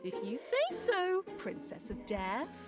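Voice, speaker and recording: An actress voicing an airy, new-age goddess of fate in a video game, gushing and calling everyone darling. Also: female voice, high voice, wildly swooping pitch, slow pace, full character voice. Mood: breezy, dreamy. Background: game music.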